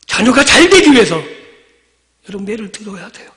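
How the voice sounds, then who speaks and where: A man preaching a sermon in a church sanctuary, his voice sitting unusually high for a man. The long reverb of the hall trails after each phrase. He fires rhetorical questions at the congregation and sinks from forceful emphasis to hushed, whispered line endings. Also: big pitch swings, fairly quick. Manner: swings from loud emphatic lines to near-whispered endings. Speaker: pastor.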